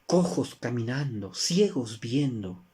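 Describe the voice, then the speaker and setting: Slow, emphatic Peruvian preacher man. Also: medium pitch, expressive, breathy edge. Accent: Peruvian Spanish. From Peru. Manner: rhetorical questions, emphatic rises and soft drops. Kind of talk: sermon.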